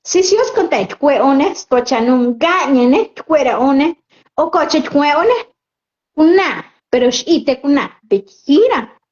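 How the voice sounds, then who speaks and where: Her voice sits high, a little mellow, with lively intonation, as this woman from Oaxaca, Mexico, preaches slowly and earnestly in Chatino. A lay preacher on a live stream, she gives a Bible reflection, reads viewer comments and chats with viewers in between without rushing. The audio is muffled.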